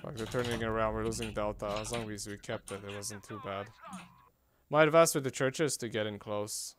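A man's voice: on the low side, fairly even intonation, a little fast, noisy background. A man chatting on voice chat during a game, blunt and profane, calling out tactics. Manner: blunt, swearing, gives tactical calls. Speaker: gamer on voice chat. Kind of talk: casual chat.

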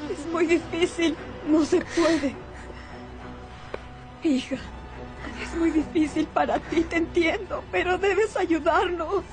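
Older soap woman, high voice, urgent, pleading, commanding, dramatic music behind. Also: fairly even intonation, slow, long pauses. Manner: urgent and pleading, giving orders. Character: tense older woman urging a young woman on. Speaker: dubbing actress in a soap opera. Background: dramatic background music.

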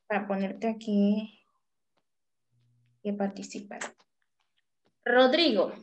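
A woman teaching a primary class over a video call, patiently calling on pupils by name and drilling syllables. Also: fairly high pitch. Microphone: video call microphone.

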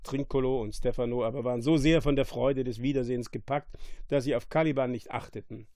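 A man reading a storybook aloud in a calm, measured narrating voice. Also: mid-range voice, no room sound, studio quality. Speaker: reader.

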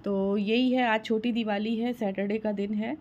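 Mid-range and a little mellow, with a steady tone and moderate pace, this home vlogger in her thirties chats to camera over dull audio, showing things one by one with lots of fillers. The phone recording, in a bright room and later a balcony, has clear background noise.

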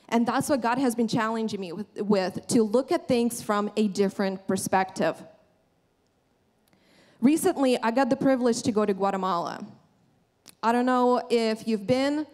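A young woman delivers a sermon from a large church stage. Her voice sits a little high, and her earnest, conversational delivery is full of restarts and asides. She speaks into a handheld microphone. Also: darkish tone.

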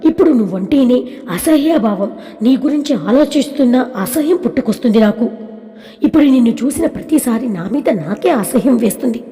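A woman's voice: on the high side, lively intonation, a little fast, dark tone, natural voice. A woman voicing a hurt young woman student who firmly reproaches a friend who deceived her, in a storybook reading. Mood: reproachful. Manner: reproachful, firm. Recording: long hall reverb.

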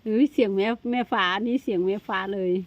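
A woman gives lively vlog commentary. She keeps calling out to a young elephant and coaxing it. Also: mid-range voice, quick pace, lo-fi sound, very noisy. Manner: animated, exclaiming, coaxing an animal. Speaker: elephant keeper filming a young elephant.

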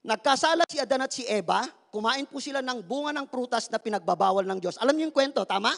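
This pastor's voice is very high, gravelly and a bit bright, and he talks fast and animatedly, with a long reverb tail behind him. Preaching in a playful mood, he teases the congregation, asks them to respond, and mixes in English phrases.

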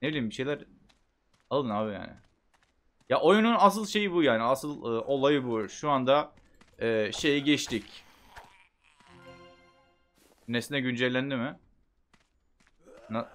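A man giving casual gameplay commentary, chatting to himself and bursting into loud shouts at the game. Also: mid-range voice, normal speed, pauses often. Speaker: gameplay streamer.

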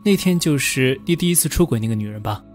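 A man reading as a soft, lovelorn young woman. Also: mid-range voice, lively intonation, fast, soft background music, lightly acted. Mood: tender.

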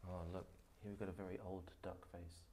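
Inside an abandoned dormitory, a man in his thirties vlogs a casual walking tour as an urban explorer, explaining his finds with curiosity while holding the phone camera at arm's length. His low voice is warm and level, moving at a fairly quick pace, with slight background noise.

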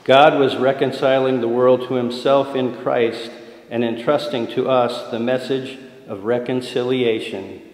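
A man reads scripture at Mass in a measured, formal cadence. His voice sits at an ordinary pitch for a man, and the cathedral echo carries each phrase away with a long reverb tail. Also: steady tone, a little mellow. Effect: cathedral echo, long church reverb. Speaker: deacon reading at Mass. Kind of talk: liturgical scripture reading. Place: large church. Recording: echoey large church with long reverb.

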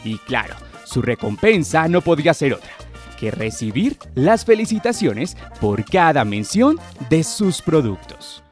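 A man's voice: a little high, sing-song, unhurried. A man narrating a scripted television feature as its reporter. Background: background music.

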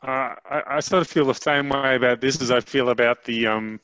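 A man's voice: mid-range voice, a little fast, fairly bright tone, no room sound. A man on a council video call gives his opinion bluntly and plainly. His audio comes through dull and dry, with no room sound. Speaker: council member. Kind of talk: meeting discussion.

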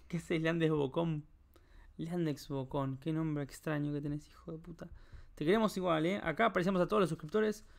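Young male streamer, Rioplatense accent, loose and jokey, a touch high-pitched. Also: steady tone, normal speed, creaky. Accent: Rioplatense Spanish. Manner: rambling, joking, swears a lot, talks to chat. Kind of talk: casual live-stream chat while solving a puzzle.

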